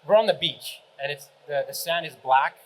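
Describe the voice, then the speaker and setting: A man on a convention panel telling a lively anecdote. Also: on the high side, moderate pace, rough recording.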